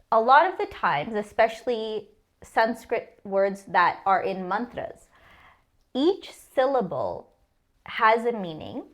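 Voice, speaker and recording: Slow, patient woman teaching pronunciation. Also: medium pitch. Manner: patient, measured, sounds out syllables slowly. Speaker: language teacher. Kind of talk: explanatory lesson.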